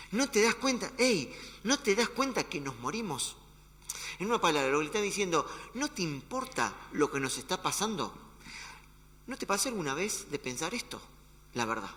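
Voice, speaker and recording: A man from Argentina with a Rioplatense Spanish accent preaching a sermon as pastor, acting out quoted dialogue with hushed asides. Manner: animated, acts out quoted dialogue with shifting pitch and hushed asides. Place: church hall. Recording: echoey church hall.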